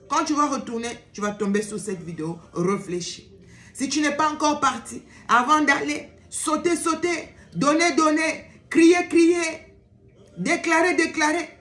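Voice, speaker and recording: A woman's voice: on the high side, a bit bright, reverberant. A woman host giving an informal sermon to camera, exhorting her listeners, repeating words for emphasis and slipping into English phrases.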